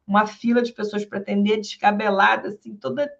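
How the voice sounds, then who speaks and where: A woman, a public defender, giving a lecture and telling stories from her career in a lively way, acting out the people she quotes, with a Rio de Janeiro accent. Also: medium pitch, brisk, gravelly. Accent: Rio de Janeiro Portuguese. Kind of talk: storytelling lecture. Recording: dull lo-fi sound.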